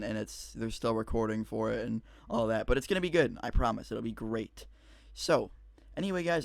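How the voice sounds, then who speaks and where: A man's voice: mid-range voice, vocal fry, no echo. A teenage boy telling a school story to his viewers in a rambling, casual way with lots of fillers. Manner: rambling, chatty, frequent fillers and restarts. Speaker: YouTuber.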